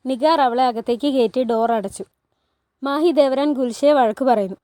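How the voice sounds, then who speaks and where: A woman tells a TV drama as a long story and voices every character herself, her voice rising when someone cries out or pleads. Her voice sits a little high but has a soft, mellow tone. It is recorded close and dry, with no room sound. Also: normal speed, dry recording. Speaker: storyteller retelling a TV series. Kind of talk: storytelling narration with voiced dialogue.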